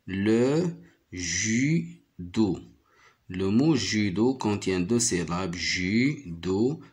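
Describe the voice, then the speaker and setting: A man teaching a primary phonics lesson, patiently repeating each word and syllable. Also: lowish voice.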